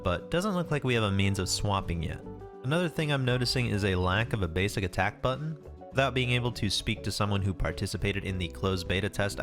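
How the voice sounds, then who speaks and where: A man giving casual scripted commentary as a video host, informal and wry, with some casual swearing. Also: lowish voice. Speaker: YouTube game preview host. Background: music behind the voice.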